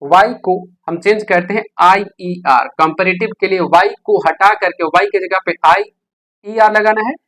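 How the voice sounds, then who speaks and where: Teacher voice, patient classroom explainer, medium pitch, hesitant fillers. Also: unhurried, a bit bright. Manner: explanatory, asks rhetorical questions, frequent "है ना?" checks. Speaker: English teacher. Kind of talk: classroom-style grammar lesson.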